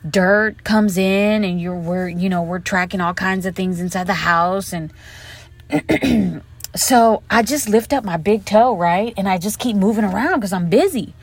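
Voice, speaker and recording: In a dry recording, a woman with a mid-range voice talks unhurriedly. Holed up with her podcast mic in a hotel room closet, she delivers a casual solo monologue, chatty and blunt and peppered with swearing.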